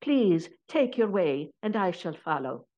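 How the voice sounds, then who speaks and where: A woman's voice: fairly low pitch, very animated, a little slow, mellow, dull audio. A woman voicing a frail, nervous elderly Irish woman who speaks in a whispery, apologetic way with an Irish accent.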